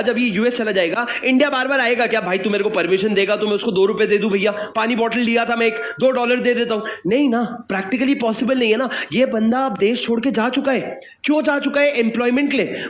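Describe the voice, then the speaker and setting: A man with an Indian accent teaching tax law in a lively, jokey lecture, acting out little dialogues and calling his students sir. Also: very high-pitched. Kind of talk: animated classroom lecture. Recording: echoey room with faint background noise.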